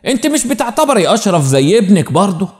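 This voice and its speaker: A jovial, fatherly middle-aged Egyptian doctor, voiced by a man narrator. His voice is high and animated, with a long reverb behind it in this spoken story. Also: quick pace. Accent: Egyptian Arabic. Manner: warm, fatherly.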